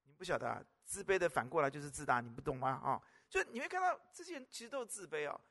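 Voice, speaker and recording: Male pastor for a sermon: high, bright voice with wide pitch swings, emphatic, repeats phrases and keeps asking the congregation questions. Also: sing-song, quick pace.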